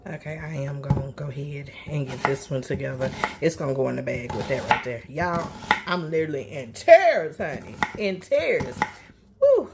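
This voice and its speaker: A middle-aged woman with a low voice, big pitch swings, and a normal pace chats folksily through a casual cooking vlog in her home kitchen, calling viewers honey and child. Chopping and clicks make the room noisy.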